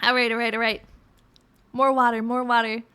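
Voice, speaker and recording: High-pitched cute anime streamer woman. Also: little pitch movement, fairly quick, pushed and bright, clean tone. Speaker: livestream host. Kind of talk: livestream creepypasta reading and chat with viewers.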